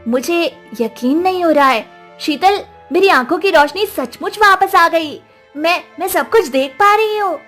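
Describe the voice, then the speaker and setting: An actress playing a brave young village sister who speaks eagerly and pleads for justice. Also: female voice, very high-pitched, animated, a little slow, a bit bright, soft background music, full character voice. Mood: amazed.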